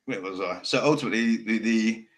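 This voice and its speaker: A man's voice: on the low side, background noise. A man hosting an off-the-cuff podcast who can't pronounce his R's, saying w for r, and talks in a direct, passionate, rambling way, often losing his thread and swearing casually. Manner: fast, direct, passionate delivery that can sound angry. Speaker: podcast host.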